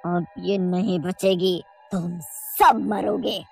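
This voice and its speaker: A woman voicing an evil, blood-drinking female witch spirit who cackles and gloats in a low, menacing voice. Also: fairly even intonation, slow, creaky, dark tone, husky, soft background music, exaggerated voice.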